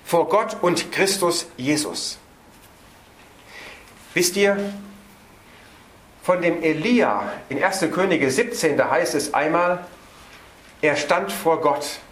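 A man preaching an evening sermon on a Bible passage. He stresses words by slowing down and hurries through his asides. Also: a little high, lively intonation, fairly bright tone, reverberant.

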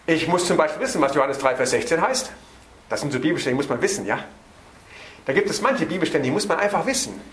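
Man, preacher, sermon, emphatic, slows to stress words, lively pitch, echoey room. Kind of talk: sermon, Bible exposition.

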